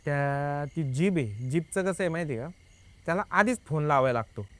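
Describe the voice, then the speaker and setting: A man's voice: on the high side, fairly quick, no room sound. Young man telling a story casually. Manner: lively, re-enacts dialogue with many "I said" tags. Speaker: guest telling a personal ghost experience.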